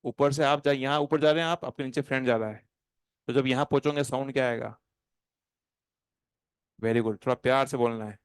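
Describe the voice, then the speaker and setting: A man teaching chemistry to a class. He talks in an animated, playful way and slows right down when he dictates notes. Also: medium pitch, smooth. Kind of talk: classroom lecture. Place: classroom with students.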